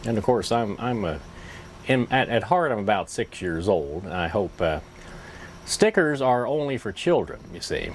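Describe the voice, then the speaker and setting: Low-voiced man talking around a pipe. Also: sing-song, normal speed, a little hiss or hum. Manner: folksy, rambling, self-deprecating. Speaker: pipe-smoking YouTube vlogger. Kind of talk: casual chat to camera.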